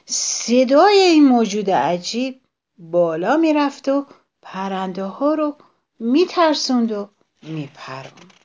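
A woman narrating a children's story, expressive and speaking directly to the children listening. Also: fairly high pitch.

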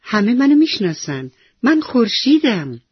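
A woman's voice: a little high, sing-song, slightly rough, no echo, dull audio, exaggerated voice. A woman voicing the sun in the sky, teasing and urging a lazy seed to wake up and sprout. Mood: coaxing. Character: warm sun in the sky, cheerful, coaxing, persistent.

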